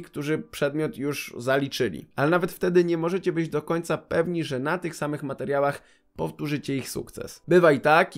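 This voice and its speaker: A man in his twenties giving scripted, direct and wry advice to future university students in a vlog. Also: on the high side. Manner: direct, wry, addresses viewers as a group. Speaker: YouTuber giving study advice.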